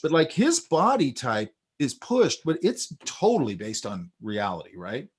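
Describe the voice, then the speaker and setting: A man talks through a sketching lesson in a loose, conversational way. His pitch rises and falls a lot as he gets excited about the drawings. He often drifts off into stories along the way. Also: a little slow, slightly rough. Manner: animated, storytelling, talks over drawings. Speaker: art instructor. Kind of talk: casual teaching chat.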